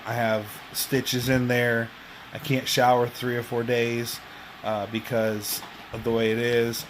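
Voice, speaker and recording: Halting man giving a casual video update. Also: medium pitch, background noise. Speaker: video blogger. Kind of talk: casual personal update to camera. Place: at home.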